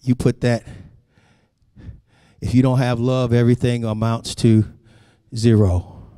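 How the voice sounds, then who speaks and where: A male pastor preaches in a church sanctuary with a preacher's rising cadence that climbs into a sung delivery, often calling out "Amen" to the congregation. His mid-range voice is warm, clean and unhurried with little pitch movement, recorded with clean studio sound and long hall reverb.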